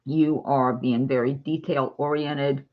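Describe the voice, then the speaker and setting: A woman giving a chatty, casual tarot reading to her viewers, reassuring and quick to giggle. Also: extremely low pitch, fairly even intonation, highs cut off. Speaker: tarot reader.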